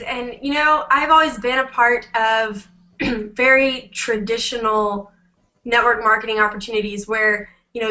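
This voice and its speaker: A woman's voice: on the high side, bright, forceful tone, poor audio. A young woman who has a cold, talking enthusiastically on a casual group call as a network marketer. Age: young adult. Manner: enthusiastic, chatty.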